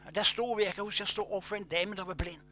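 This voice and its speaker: Male preacher, high bright voice, storytelling sermon, loud bursts then quiet asides, faint music under. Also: steady tone.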